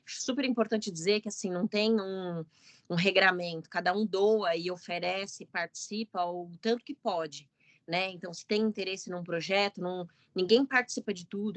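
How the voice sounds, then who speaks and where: A woman's voice: fairly low pitch, no echo. Chatty woman hosting an online meeting. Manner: warm, welcoming, chatty. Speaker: meeting host, student association coordinator. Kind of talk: casual online meeting talk. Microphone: video call.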